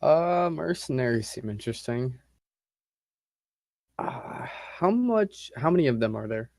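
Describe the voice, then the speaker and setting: A man's voice: mid-range voice, very animated, unhurried, a little mellow, dry recording. Man playing a tabletop game, dry sound. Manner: casual, asks short questions to the game master. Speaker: player. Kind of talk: casual tabletop play.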